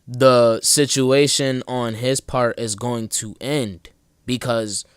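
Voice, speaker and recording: A young man hosts a loose, casual conversation, speaking bluntly and packing his talk with slang. His voice comes through smooth and resonant. The sound is dry and close, with no room around it. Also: medium pitch, dry recording. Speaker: host. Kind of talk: casual podcast chat.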